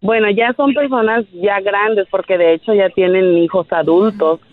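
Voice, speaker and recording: A woman calling a radio show, chatting informally in a halting way. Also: mid-range voice. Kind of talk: casual call-in chat. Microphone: phone. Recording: thin narrow phone line.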